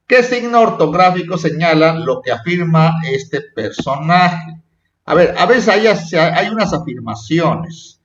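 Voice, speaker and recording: A male schoolteacher walks children through their lesson, repeating instructions and tagging questions onto his sentences. His voice sits a bit high for a man. The recording is roomy and dull, like a classroom caught on a cheap mic. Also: big pitch swings, unhurried, slight background noise. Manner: repetitive, checking in with "¿sí?" and "¿eh?". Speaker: primary school teacher. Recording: echoey dull lo-fi room recording.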